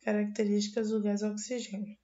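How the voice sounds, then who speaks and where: Her slides guide a brisk, steady student presentation: a young woman with a cold whose mid-range voice is hoarse, dark and mellow. The tone never rises much above flat and even, words keep getting restarted, and the recording itself is dull and lo-fi.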